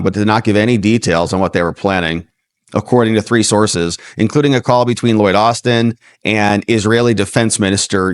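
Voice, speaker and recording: In clean, echo-free studio audio, a fairly low-pitched American host reads news reports, then veers off into sarcastic, casual remarks. He mocks what he reads, sounding incredulous and playing out made-up exchanges.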